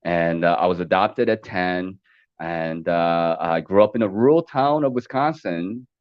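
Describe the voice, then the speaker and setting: Halting male guest on a call, lowish voice, muffled sound. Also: clean tone. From Korea. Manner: halting, many fillers and restarts. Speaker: podcast guest. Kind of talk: casual chat over a call. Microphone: video call.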